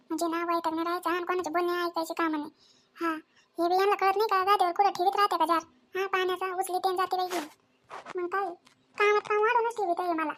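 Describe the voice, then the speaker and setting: A woman's voice: extremely high pitch, fairly bright tone. A woman doing a fretful childless young wife. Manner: fretful, mutters to herself. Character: anxious childless young wife, worried and put-upon. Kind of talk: family drama voice acting.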